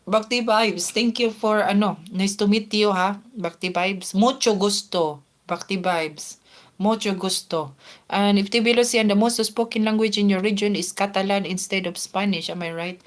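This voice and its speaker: A Filipina woman with a Filipino accent hosts a relaxed live stream, reading viewers' names and questions out loud and answering them. Her voice sits at a middle pitch, and her chatty delivery is full of "ano" fillers as she searches for words. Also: normal speed. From Philippines. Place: outdoors in Spain near the sea.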